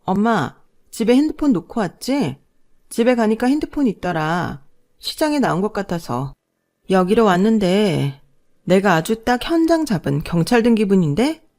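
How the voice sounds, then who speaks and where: A woman's voice: medium pitch, sing-song, moderate pace, darkish tone, voice pushed up. A woman voicing a furious adult daughter who scolds sharply and indignantly. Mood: sarcastic.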